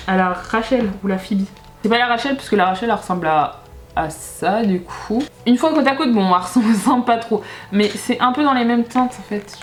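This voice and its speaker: A woman's voice: mid-range voice, reverberant. A young woman vlogger chatting casually through a makeup unboxing, often restarting and correcting herself mid-sentence. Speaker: beauty vlogger.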